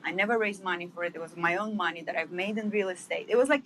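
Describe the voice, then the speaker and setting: Woman from Estonia, bright tone, chatty guest who piles on fillers. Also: lowish voice, quick pace, a little hiss or hum, poor audio. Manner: eager, rambling, with many fillers. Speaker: guest, wellness entrepreneur. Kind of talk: casual interview storytelling.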